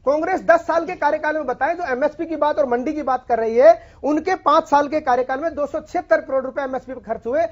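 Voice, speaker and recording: A man's voice: very high-pitched, quick pace, hardly any pauses, lo-fi sound. A man speaking as a party spokesperson in a TV debate, insistent and pressing to keep the floor. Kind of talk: TV news debate.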